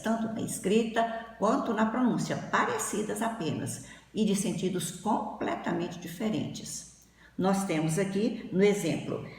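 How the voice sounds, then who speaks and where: Woman teaching in a very echoey hall. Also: mid-range voice. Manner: methodical, explains step by step with examples. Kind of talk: grammar lesson. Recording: very echoey hall with faint noise.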